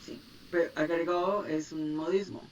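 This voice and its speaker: This online English teacher has a voice that sits low, with a steady tone and normal speed. She patiently covers grammar and confirms understanding with "¿sí?" and "¿listo?". Background noise is present, and the sound is muffled, as if the mic were far away.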